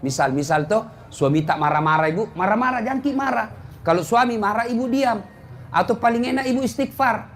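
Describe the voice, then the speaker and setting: A man's voice: high-pitched, lively intonation, a little hiss or hum. A middle-aged man preaching a humorous sermon, telling jokes and acting out quarrels. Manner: joking storyteller, acts out quarrels and drawn-out sung prayers.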